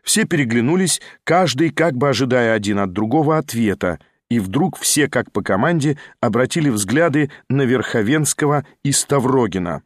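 Male literary narrator; animated, dry close-mic sound. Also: mid-range voice, normal speed, few pauses, no echo. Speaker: audiobook narrator.

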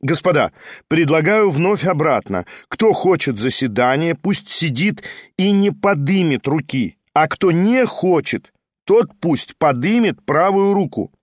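Bossy hostess figure, read by a man; pushed up, animated, drily recorded. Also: on the high side, a little slow, dry recording, clean studio sound, pitched above the performer's own voice. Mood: insistent. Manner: insistent, commanding. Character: bossy fussy woman hostess, conspiratorial.

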